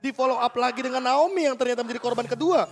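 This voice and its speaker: A man's voice: very high-pitched, rapid-fire, noisy background. An Indonesian man giving emphatic, explanatory analysis as a live esports commentator.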